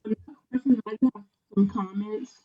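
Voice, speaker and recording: A woman's voice: medium pitch, fairly even intonation, dark tone. Woman on a muffled, dropping video call. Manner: hesitant, many filler pauses. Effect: muffled audio cutting in and out over a weak call connection. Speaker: town council member. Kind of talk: remote meeting remarks. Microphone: computer mic on a video call.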